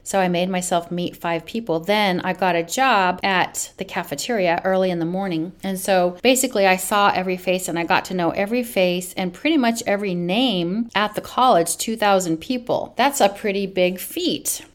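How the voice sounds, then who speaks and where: A woman's voice: mid-range voice, moderate pace, hardly any pauses. A woman in her late fifties, hosting a podcast and telling her personal faith testimony in an earnest, emphatic way. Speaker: podcast host.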